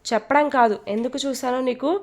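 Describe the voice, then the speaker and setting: A woman's voice: high voice, fairly even intonation, fairly quick, a little mellow. A woman voicing a cocky young man who teases and mocks, in a told romance story. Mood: cutting. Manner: mocking, boastful.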